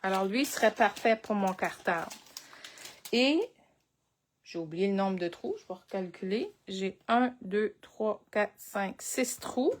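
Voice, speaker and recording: Slow-talking Québécois woman demonstrating crafts. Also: mid-range voice, expressive. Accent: Québécois French. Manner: chatty, thinks aloud while working. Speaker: crafting instructor. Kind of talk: live crafting tutorial.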